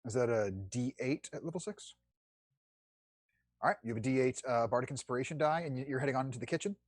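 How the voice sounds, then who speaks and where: A man's voice: medium pitch, fast, dry recording. Man narrating as game master, dry close sound. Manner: vivid, descriptive narration.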